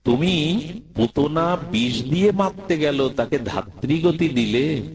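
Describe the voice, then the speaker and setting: A man's voice: fairly high pitch, animated, slow pace, pitched above the performer's own voice. A man voicing a blind old devotee who reproaches his god, hurt and pleading. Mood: reproachful. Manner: reproachful, rising to anguished pleading.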